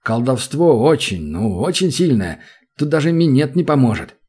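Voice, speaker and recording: A male audiobook reader voices a scheming imp pretending to be a prince. His husky voice hesitates and stalls before sliding into a salesman's patter. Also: medium pitch, sing-song, moderate pace, a little mellow. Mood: flustered.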